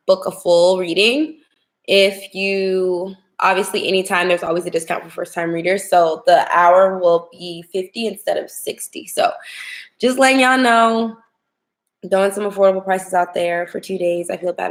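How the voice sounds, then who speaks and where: Young female livestream host, smoky whiskey voice with heavy fry, getting over a cold, informal direct chat. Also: mid-range voice. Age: young adult. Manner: chatty, informal, addressing viewers directly. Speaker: tarot reader hosting a livestream. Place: home kitchen, indoors.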